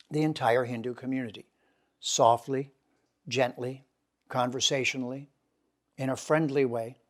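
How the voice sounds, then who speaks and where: A man giving a lecture, asking the audience questions and answering them himself, slowing down to stress key words. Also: mid-range voice, a little mellow. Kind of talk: lecture to a seminar group.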